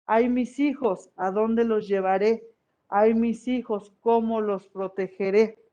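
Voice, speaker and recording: A weeping mother goddess who mourns her lost children in a slow, drawn-out wail, as a teacher puts her on for a class. The sound is dull and lo-fi, like audio from an online lesson. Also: mid-range voice, dark tone, close to an everyday voice. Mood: mournful lament.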